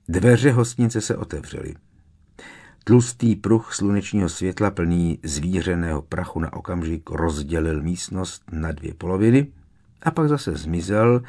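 A male audiobook narrator reads a fantasy story in a steady, measured way. His voice is notably deep and low. The delivery is calm and even. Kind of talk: scripted narration.

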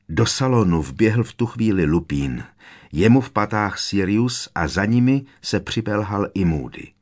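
A man narrating a fantasy audiobook with a fairly low voice. His reading is measured and dramatic. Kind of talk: scripted narration.

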